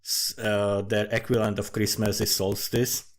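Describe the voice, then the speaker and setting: A man with a lowish voice talks at a moderate pace in a flat delivery, rambling informally about the fantasy world he's writing. An amateur fantasy writer thinking aloud, he swears freely and keeps restarting his phrases.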